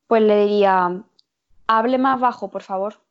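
A woman's voice: medium pitch, measured pace, lo-fi sound. A woman student answering a teacher's questions and reading example phrases aloud.

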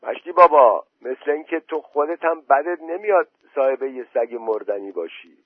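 A man's voice: medium pitch, animated, husky, dry recording, pitched above the performer's own voice. A man doing a needling village man. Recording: dry phone-like voice message.

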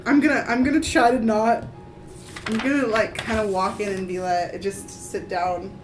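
A woman's voice: mid-range voice, steady tone, moderate pace, reverberant, soft background music. A young woman playing a tabletop game, joking and playful in casual chat. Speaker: player.

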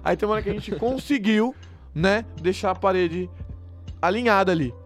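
A man's voice: sits high, normal speed, faint music behind. A young man with a Brazilian Portuguese accent telling a story in casual, slangy talk. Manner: lively, slangy, acts out quoted people.

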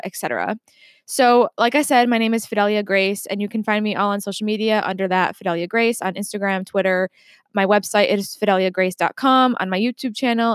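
A woman's voice: on the high side, clean tone, dry recording, clean studio sound. A woman in her twenties hosting a casual solo podcast, chatty and reflective, often restarting her sentences. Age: 20s. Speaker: podcast host. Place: home desk.

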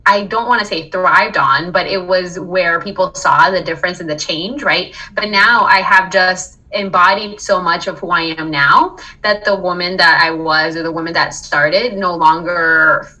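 A woman's voice on the low side, sharp in tone, with fairly even intonation, a moderate pace and hardly any pauses, captured on a distant mic in a low-quality recording. She's a wellness coach from Colombia appearing as a podcast guest, telling her story earnestly and reflectively in a casual interview, laughing and often checking in with "right?".

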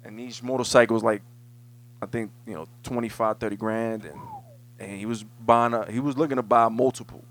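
A man co-hosting a casual podcast chat, telling stories in an animated way with frequent restarts. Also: mid-range voice, normal speed. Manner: animated storyteller, many restarts. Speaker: podcast co-host.

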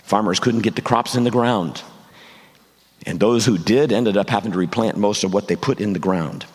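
Gravelly, hoarse older male preacher. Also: lowish voice, darkish tone. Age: 60s or older. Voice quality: gravelly, husky. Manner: careful, deliberate phrasing. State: hoarse, voice nearly gone. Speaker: guest preacher. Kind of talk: sermon. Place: large church room, speaking to congregation. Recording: long hall reverb.

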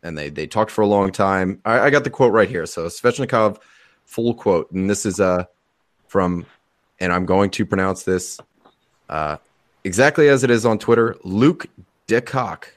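Man, podcast co-host, very deep voice, dry close sound, rambling, chatty. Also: lively intonation, normal speed, no echo. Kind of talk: casual sports chat.

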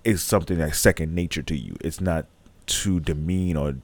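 Deep-voiced man talking bluntly. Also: normal speed. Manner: blunt, frank, repeats for emphasis. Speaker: podcast co-host. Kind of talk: casual chat.

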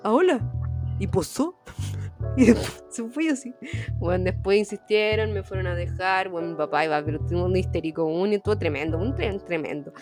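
A young woman with a Chilean accent telling a story in casual chat, animated and acting out the people she quotes. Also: brisk, music in the background. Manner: animated, acts out quoted people in sudden high voices. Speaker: podcast co-host.

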